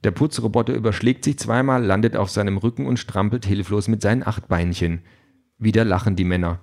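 A man's voice: on the low side, steady tone, a little fast, a little mellow. A man narrating an audiobook in a dry, wry storytelling manner. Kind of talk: scripted narration.

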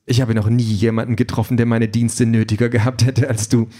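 A man voicing a blunt, sharp-tongued woman campaign manager who talks briskly and swears, in an audiobook. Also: medium pitch, level tone, lightly acted.

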